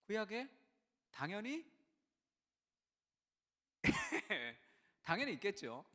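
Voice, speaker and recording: A middle-aged man preaching a sermon in a church, telling stories and acting out the voices he quotes, swinging between hushed and loud. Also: high voice, sing-song, slow pace, long reverb tail. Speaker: pastor. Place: church sanctuary.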